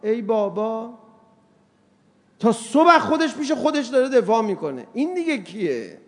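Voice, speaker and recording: A man giving a sermon to an audience, animated, acting out little dialogues with mocking humor. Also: very high voice. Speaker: religious lecturer.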